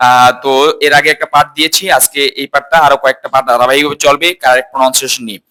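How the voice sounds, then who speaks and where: Guy teaching english words, bright voice, says each one slow over and over. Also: mid-range voice, level tone, clear, resonant tone. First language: Bengali. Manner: drills words by repeating them slowly and asking the class. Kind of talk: casual spoken lesson.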